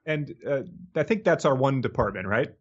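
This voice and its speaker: A man co-hosting a podcast banters about books in a casual, jokey, rambling chat. His mid-range voice is expressive at a normal speed, and the audio is slightly dull and lo-fi.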